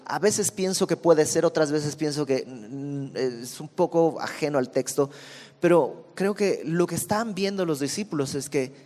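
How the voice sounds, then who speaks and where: A man's voice: on the high side, a little slow, a little mellow, long reverb tail. A man teaching a verse-by-verse Bible study, reading verses and explaining them in a conversational way. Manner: explanatory, conversational, reads verses then comments.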